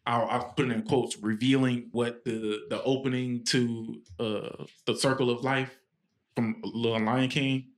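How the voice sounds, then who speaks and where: A man's voice: mid-range voice, little pitch movement, measured pace. A man co-hosting a podcast, telling a story in a rambling, casual way with many fillers and restarts. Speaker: podcast co-host.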